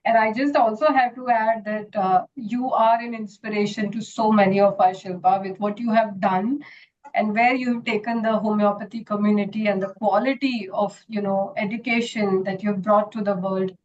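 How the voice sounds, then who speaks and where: A woman's voice: mid-range voice, fairly even intonation, moderate pace, a little mellow, highs cut off. A woman founder and homeopath answering interview questions earnestly and telling a parable, with frequent fillers. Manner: earnest, with many "you know" fillers. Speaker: guest, retreat founder and homeopath.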